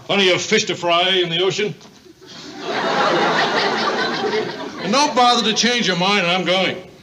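A man's voice: sits high, brisk, lightly acted. An actor in his fifties playing a vain, childish, needy boyfriend in a 1970s sitcom, theatrical and blustering. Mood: blustering, proud. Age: 50s. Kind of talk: 1970s multi-camera sitcom acting. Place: TV studio set, indoors. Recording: noisy vintage TV studio soundtrack.

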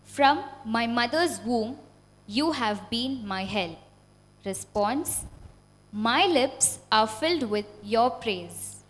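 A young woman with a slightly high voice recites slowly and formally as a church reader. Long reverb trails her solemn phrases. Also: expressive, a bit bright. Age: young adult. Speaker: lay reader. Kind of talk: recited responsorial psalm. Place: inside a church at the lectern. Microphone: handheld microphone held close.

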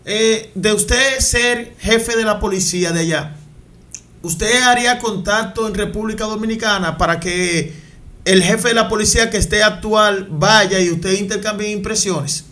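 A young man hosting an interview from a studio set with a headset mic, asking long, wordy questions with flattering build-ups. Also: high voice, unhurried. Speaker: interview host. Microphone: headset mic on a stand in a studio set.

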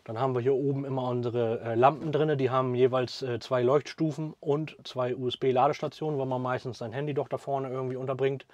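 A man, explaining the camper cabin he builds in a quick, matter-of-fact way, often adding a questioning "ne?" and letting his sentences trail off quietly. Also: medium pitch, steady tone, no room sound. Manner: fast, trailing off at sentence ends, frequent tag "ne?". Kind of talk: explaining a product in an interview. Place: inside a small pickup camper cabin.

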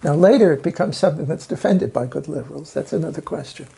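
A man in a documentary interview, talking about literature with animated storytelling and emphatic repeated words. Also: on the high side, fast, creaky, slightly rough.

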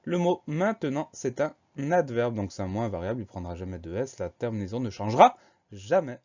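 A man teaching a spelling lesson at a calm, patient pace. He spells each word out letter by letter. The recording sounds a little dull and lo-fi. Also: mid-range voice, fairly quick.

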